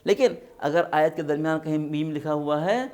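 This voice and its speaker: A man's voice: on the high side, darkish tone. Patient man teaching Quran recitation. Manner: patient explaining with rhetorical questions and check-ins. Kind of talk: religious classroom lesson.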